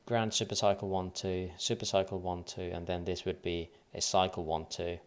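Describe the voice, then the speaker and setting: A man from Finland with a light Finnish accent goes through charts on a casual trading livestream, thinking aloud and counting waves under his breath. His low voice has a flat delivery at normal speed, and the tone is clean.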